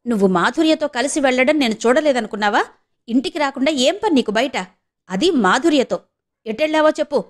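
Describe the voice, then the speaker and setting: Brief: angry young college man, sharp scolding tone, read by a woman. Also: on the high side, lively intonation, moderate pace, pauses often, lightly acted. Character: hot-tempered young male college student.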